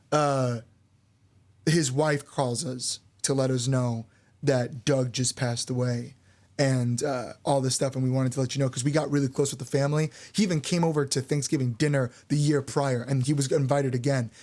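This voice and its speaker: A man's voice: medium pitch, steady tone, moderate pace, darkish tone. A young man, a band frontman, telling a story on a podcast in a loose, candid way, swearing freely and saying "like" a lot.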